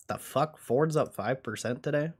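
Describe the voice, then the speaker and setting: A man with a fairly high, breathy voice and some vocal fry livestreams casual stock commentary. He thinks out loud in a blunt, slangy, offhand way and swears constantly.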